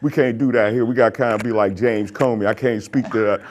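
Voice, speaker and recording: A male co-host, loose and hyped, throwing slang praise at a caller. His voice sits at a middling pitch. He talks in relaxed banter. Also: fast, a little hiss or hum. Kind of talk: casual talk show chat.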